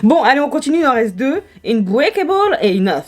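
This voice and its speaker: A woman's voice: sits high, sing-song, brisk. A young woman vlogging makeup swatches, gushing and exclaiming over each shade in casual chat. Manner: gushing, exclamatory, marvelling aloud. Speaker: beauty vlogger.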